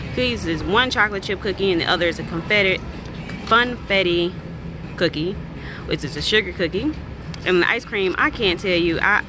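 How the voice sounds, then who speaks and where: A woman's voice: fairly low pitch, background noise. A woman vlogging casually on her phone, chatty and playful, calling her viewers baby and child. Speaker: travel vlogger. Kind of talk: casual vlog chat.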